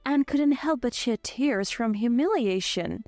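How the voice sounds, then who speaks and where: A young woman in her twenties tells a first-person story in a scripted, even, steady way. Her voice is fairly high and close to the mic, with a dry sound and soft music playing behind her. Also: measured pace, dry recording. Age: 20s. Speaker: narrator.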